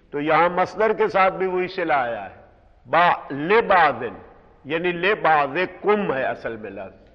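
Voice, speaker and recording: A man teaching a word-by-word grammar lesson, measured and explanatory, slowing down to stress key words. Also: fairly high pitch. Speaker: Quran teacher. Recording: dull recording in a reverberant hall.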